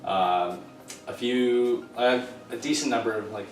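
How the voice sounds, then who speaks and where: A man in his twenties from Southern California, answering interview questions in a measured, thoughtful way. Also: mid-range voice. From Southern California, USA. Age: 20s. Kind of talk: casual interview. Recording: roomy sound from a distant mic with music.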